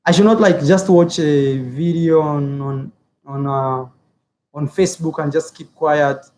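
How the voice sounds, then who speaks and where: Man from Africa, vlogging his views, high voice, earnest, repeats himself, lots of fillers. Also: steady tone, measured pace, darkish tone. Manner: earnest, repeats phrases, many filler words. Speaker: YouTuber. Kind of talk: casual opinion vlog, reading viewer comments.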